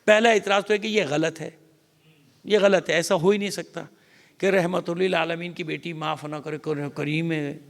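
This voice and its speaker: A man with a Pakistani accent, a cleric giving a mourning sermon as dramatic storytelling that swings from loud cries to hushed whispers. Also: on the high side, fairly even intonation, creaky. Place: large mosque hall. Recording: long reverb of a mosque hall.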